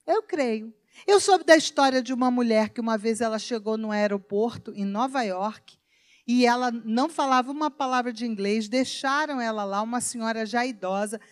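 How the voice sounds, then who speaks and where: A woman pastor with a Brazilian Portuguese accent, preaching a sermon in an emphatic storytelling manner that swings between soft and loud. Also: fairly high pitch. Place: church.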